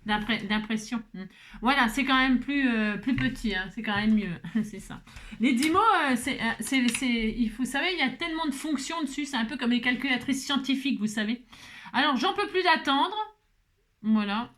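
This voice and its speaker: A woman's voice: fairly high pitch, normal speed, fairly bright tone, slight background noise. A woman vlogging while making a card, chatting casually, muttering to herself as she works and laughing often at her own slips. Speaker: craft vlogger. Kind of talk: casual chat while crafting.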